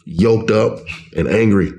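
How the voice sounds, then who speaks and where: A middle-aged man telling his own story as an interview guest, emotional and halting, often restarting his words. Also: fairly low pitch, mellow. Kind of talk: personal testimony in an interview.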